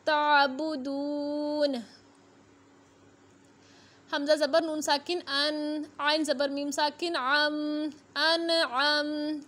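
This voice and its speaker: A woman teaching a Quran reading lesson, spelling out syllables and drawing them out slowly, then explaining the rules briskly. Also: high voice, sharp tone. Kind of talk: slow spelled-out tajweed lesson.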